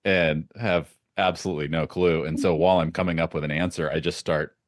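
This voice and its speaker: Very deep-voiced man telling stories. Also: fairly quick, no room sound, studio quality. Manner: animated anecdotes with frequent laughs. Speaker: podcast guest. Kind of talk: casual interview storytelling.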